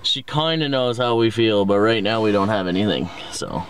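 A man's voice: fairly low pitch, lively intonation, normal speed, slight background noise, poor audio. A young man chatting casually to the camera in a vlog, rambling and self-deprecating. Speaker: vlogger host.

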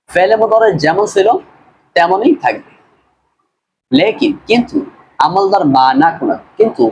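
A man's voice: high-pitched, a little hiss or hum, low-quality recording. A man teaching a recorded class, patiently translating a text word by word, repeating and correcting pronunciation. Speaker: madrasa grammar teacher. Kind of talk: screen-based recorded class, line-by-line translation.

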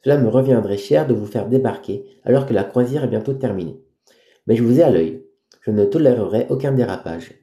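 A man with a mellow, mid-range voice close to his everyday tone plays a stern, formal, middle-aged cruise director laying down the rules. He speaks in a firm, measured way, and the recording has a roomy echo.

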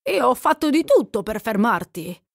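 A woman's voice: on the high side, sing-song, moderate pace, gravelly, no room sound, clean studio sound, pitched above the performer's own voice. A woman voicing a drowsy, half-drunk male companion who mumbles in a strained, altered voice. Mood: urgent.

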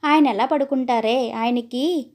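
A woman reading as a gentle, timid wife in a storybook tale, soft and anxious. The voice is high-pitched and mellow. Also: measured pace. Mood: plain. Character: meek, worried young wife.

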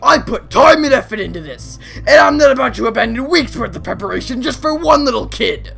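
A bossy cartoon talking alarm clock acted by a woman, bright and swooping in delivery. The voice is gravelly and theatrical, like a commanding teacher, with faint music behind. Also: on the high side, lively intonation, fairly quick, full character voice. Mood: indignant, angry. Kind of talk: fan cartoon comic dub.

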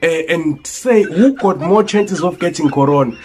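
High-pitched South African man, parody news interview. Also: measured pace, darkish tone. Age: young adult. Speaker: comedian. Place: indoor room.

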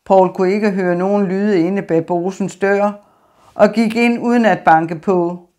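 A woman reading an audiobook in an even, measured narration. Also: mid-range voice. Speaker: audiobook reader. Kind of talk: scripted narration.

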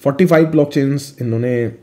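A young man talks through price charts in a loose, chatty way, dropping fillers and mixing in phrases. His voice sits in a mid range with a mellow, darker tone. He sounds like a vlogger addressing his regular viewers directly. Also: medium pitch, fast. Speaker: crypto vlogger. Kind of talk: screen-share chart walkthrough.

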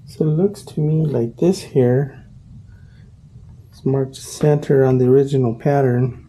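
Dark-voiced middle-aged man teaching upholstery. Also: medium pitch, steady tone, a little slow, breathy edge. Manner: plain, practical explaining with fillers and self-corrections. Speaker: auto upholsterer teaching his craft. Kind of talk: casual workshop tutorial. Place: upholstery workshop indoors.

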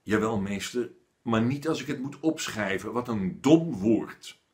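A man's voice: fairly low pitch, animated, measured pace, darkish tone. A man voicing a grumbling schoolboy who hates dictation, sulky and complaining.

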